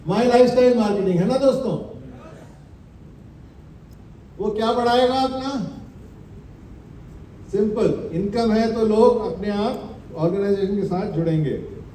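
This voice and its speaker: A man's voice: sits high, dark tone, a little hiss or hum. Emphatic male seminar presenter. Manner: emphatic, quizzes the audience with rhetorical questions; repeats slogans slowly for effect. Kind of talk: motivational business presentation. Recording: echoey hall, mic at a distance.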